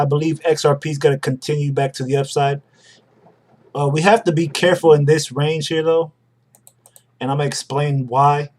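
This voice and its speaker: A young man with a high, darkish voice hosts a live stream, chatting casually as he walks through charts and greets viewers by name.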